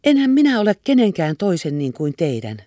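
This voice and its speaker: A woman's voice: on the low side, sing-song, warm tone, no room sound, studio quality, voice pushed up. Anxious pleading young woman, voiced by a woman reader. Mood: earnest. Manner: earnest and imploring.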